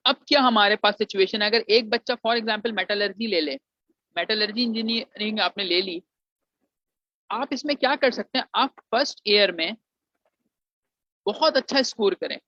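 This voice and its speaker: A man's voice: sits high, sharp tone, no room sound. Man, dry muffled sound. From Pakistan. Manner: mixes English phrases into Urdu, addresses students as "beta". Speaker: engineering alumnus giving admission advice. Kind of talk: informal explanatory lecture.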